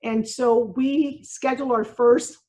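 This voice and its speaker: A woman's voice: on the high side, steady tone, takes it slowly, darkish tone, low-quality recording. Earnest woman judge in her sixties. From Cuba. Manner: earnest, reflective, with frequent ums and you-knows. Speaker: judge being interviewed. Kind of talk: conversational interview answers.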